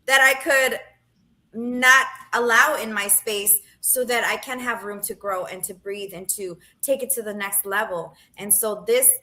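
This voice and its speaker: A woman's voice: medium pitch, fairly even intonation, unhurried, bright, forceful tone, poor audio. A woman in her late forties speaking earnestly on a podcast, often checking in with "right?". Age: 40s. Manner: earnest, keeps asking "right?". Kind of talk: casual podcast conversation.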